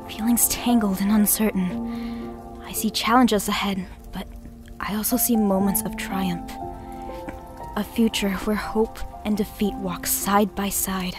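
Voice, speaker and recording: A woman playing a gentle, earnest young pony princess who tells fortunes in a radio drama. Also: medium pitch, lightly acted.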